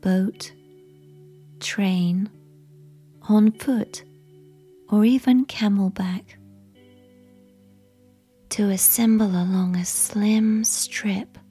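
Female narrator, soft ASMR whisper for a sleep story, slow and mellow, a bit breathy. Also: mid-range voice, steady tone, faint music behind.

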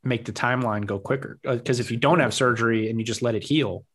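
Male podcast co-host, mid-pitched, casual rambling sports banter with easy laughs. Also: fast talker, a bit bright. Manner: rambling, self-questioning, laughs easily.

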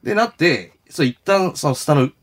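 A man's voice: a little high, normal speed. A man hosting a podcast, telling a story in a casual chat and acting out the voices of the people in it. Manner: animated storytelling in Kansai speech, acts out quoted voices. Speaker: podcast host.

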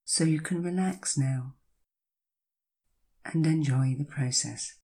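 A woman with a low, breathy voice guides a listener through hypnosis. She speaks very slowly, in soothing, drawn-out phrases broken by long pauses. Her tone is mellow and soft.

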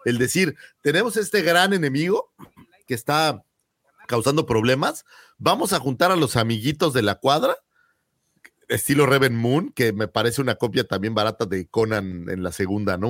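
Man, Mexican accent, podcast co-host, lively, joking, dry sound. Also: medium pitch, moderate pace, dry recording. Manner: joking, animated, slangy. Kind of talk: casual chat.

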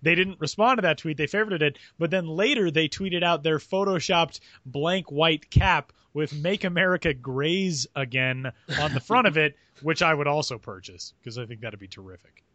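A man in his thirties hosting a casual podcast, joking and upbeat in quick banter. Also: fairly high pitch, sharp tone, no room sound, dull audio. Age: 30s. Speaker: podcast host.

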